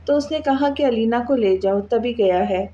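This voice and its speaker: A woman voicing a gentle father in a read-aloud novel, coaxing and soothing. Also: a little high, moderate pace, dull audio, a little hiss or hum, close to an everyday voice. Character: older father, soothing and tender.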